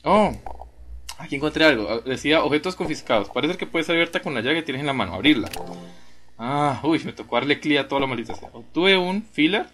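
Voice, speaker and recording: A young man hosting a gameplay video, reacting with excited groans and exclamations while reading game text aloud in casual commentary. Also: on the high side, brisk, slight background noise. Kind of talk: casual let's-play commentary.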